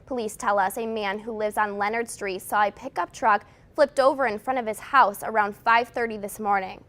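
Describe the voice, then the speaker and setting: A woman's voice: mid-range voice, steady tone, moderate pace, fairly bright tone. An American woman reading scripted television news as the anchor.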